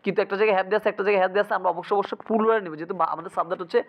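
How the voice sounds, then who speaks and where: A man teaching English grammar for exam prep, often pausing to ask his students if it is clear. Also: high-pitched, steady tone, dull audio. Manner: keeps checking students understand with quick asks.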